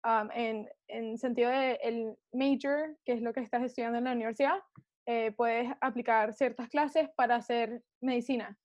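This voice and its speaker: A woman's voice: sits high, a little mellow, dry recording, dull audio. A young woman in a casual interview, more at ease in English, speaking hesitant Spanglish and searching for words. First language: more at ease in English than in Spanish. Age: young adult. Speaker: podcast guest, student of Chinese medicine.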